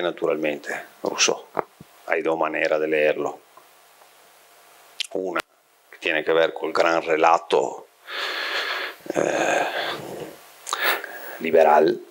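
A middle-aged Italian-born man lectures to a seated audience in a small bookshelf-lined room, holding a microphone close. His voice sits very low, and he keeps pausing to check that his listeners follow him. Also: fairly bright tone. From Italy. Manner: frequent checking questions to the audience, thinking aloud. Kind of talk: university-style lecture to a live audience. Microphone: handheld microphone.

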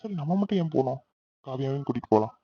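Fast-talking man narrating a cartoon. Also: medium pitch, lively intonation, highs cut off, heavy background noise. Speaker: narrator and older brother.

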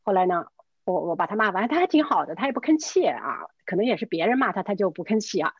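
Husky-voiced woman telling anecdotes. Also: medium pitch, quick pace, dry recording, lo-fi sound. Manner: lively, acts out quoted dialogue; mixes English words into her speech. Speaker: real estate agent telling stories. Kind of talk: casual storytelling talk. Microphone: video call.

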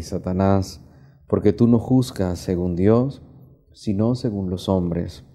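Low, dark-voiced priest preaching. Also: male voice. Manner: measured teaching tone, repeated rhetorical questions. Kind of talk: gospel reading and homily. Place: small indoor chapel.

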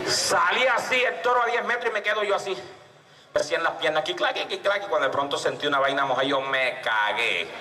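Animated storyteller, high-voiced man. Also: quick pace, some chatter behind, slight background noise. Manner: animated, full of sound effects and shouts. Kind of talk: comic live storytelling. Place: live stage at a storytelling event. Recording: echoey stage mic from far off.

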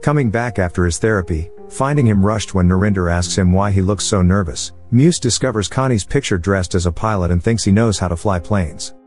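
A man narrates a film plot in a steady, even scripted read. His voice sits low, and it is recorded close to the mic. Soft music plays faintly behind him. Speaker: movie recap narrator.

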